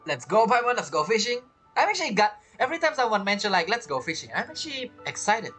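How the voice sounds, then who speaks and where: Over soft background music, a young male streamer talks fast in a high, very animated voice with a sharp tone. He keeps the commentary chatty and playful as he plays the game, reacting to its characters.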